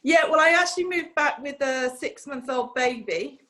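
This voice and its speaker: A woman's voice: sits high, normal speed, a bit bright. A woman, speaking as an interview guest with many hesitations. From North Wales. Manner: hesitant, many ums and restarts. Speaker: guest physiotherapist. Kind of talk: conversational interview.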